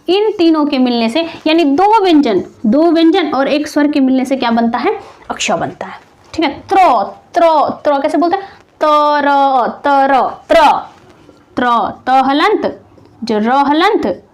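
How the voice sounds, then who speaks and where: A woman teacher explaining grammar patiently and step by step, asking rhetorical questions and repeating sounds slowly. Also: high voice. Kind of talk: classroom grammar lesson.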